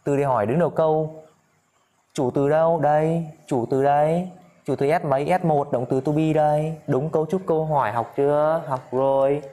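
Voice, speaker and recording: A Vietnamese-speaking man teaching an English lesson in a casual spoken style, repeating phrases slowly and often turning to his listeners. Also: on the high side, fairly even intonation, dark tone.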